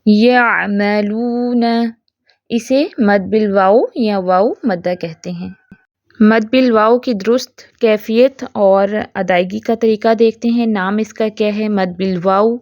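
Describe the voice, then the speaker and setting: A woman teaching Quran pronunciation rules, explaining step by step and checking in with her students. She draws out the example words slowly when she recites them. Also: medium pitch, darkish tone, no echo, highs cut off. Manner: explains step by step, keeps checking with "theek hai". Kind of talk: online tajweed lesson.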